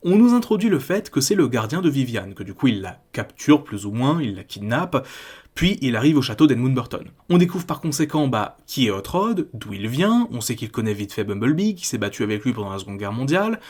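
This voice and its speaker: A man's voice: medium pitch, very animated, fairly quick, darkish tone, breathy edge. A man from France hosting a video essay, talking in a critical, conversational way with frequent casual fillers. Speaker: YouTube host.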